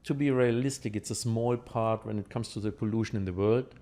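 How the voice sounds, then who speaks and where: A German-accented man appears as a podcast guest, his voice low and relaxed. He explains things haltingly and conversationally, checking that the listener follows.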